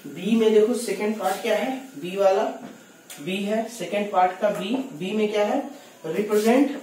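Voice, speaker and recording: High-voiced man teaching in an echoey room. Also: darkish tone. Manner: talks to students as kids, reads questions slowly, explains step by step. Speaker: maths teacher. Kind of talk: exam solution lesson. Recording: very echoey room, distant mic, faint noise.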